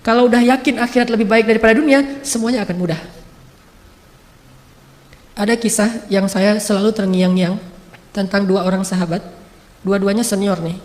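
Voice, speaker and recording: A man's voice: high voice, flat delivery, moderate pace, long pauses. A man preaching a sermon, telling stories in a casual, joking way and acting out short quotes. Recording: long hall reverb.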